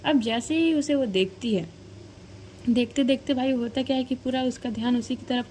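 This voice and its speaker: A woman's voice: sits high, moderate pace, darkish tone, slight background noise. A woman narrating a story casually, chatty and slangy, talking to the listener like a friend.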